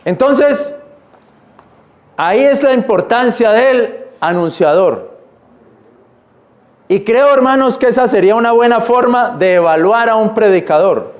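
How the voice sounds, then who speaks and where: Man, church sermon, high voice, repeats phrases, slow scripture reading. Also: expressive. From Colombia. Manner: reads scripture slowly then explains in plain, repetitive speech. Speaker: pastor.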